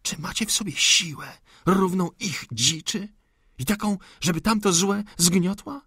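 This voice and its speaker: Guy doing a high shaky young woman yelling accusations, audiobook style, husky. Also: animated, a little slow, dry recording, clean studio sound, exaggerated voice. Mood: accusing. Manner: raised, shaken, accusing pleas. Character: distraught young woman, pleading and fierce.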